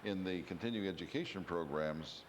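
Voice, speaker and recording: Very deep-voiced rambling male host. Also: moderate pace, in a large hall, slight background noise. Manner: rambling, digressive storyteller. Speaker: interviewer host. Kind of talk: local history interview. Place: community TV studio.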